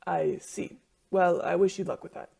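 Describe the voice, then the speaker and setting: A soft-spoken young man survivor, voiced by a woman, talks quietly and hesitantly. The voice is gravelly and dark, with creaky fry. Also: lowish voice, steady tone, moderate pace, full character voice. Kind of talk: amateur audio drama.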